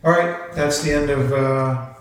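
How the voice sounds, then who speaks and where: A man's voice: medium pitch, unhurried, very echoey, distant mic, a crowd in the background, low-quality recording. A man hosting a casual family faith podcast, earnest and encouraging as he exhorts his listeners. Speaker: podcast host, father.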